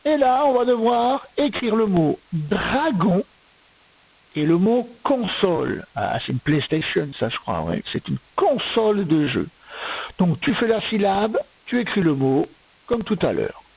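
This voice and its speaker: Slow, patient woman teaching. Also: medium pitch, sing-song, vocal fry, darkish tone, slightly rough, low-quality recording. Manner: slow, patient, syllable-by-syllable dictation. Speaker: primary school teacher. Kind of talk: recorded reading and spelling lesson for a young child.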